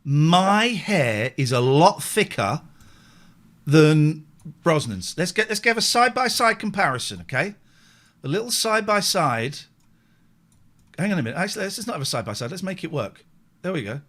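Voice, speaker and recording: Chatty guy hosting a late night stream show, voice sits a bit high and swings around a lot. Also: normal speed. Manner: animated, chatty, self-mocking. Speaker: host. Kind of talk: casual live-stream radio chat.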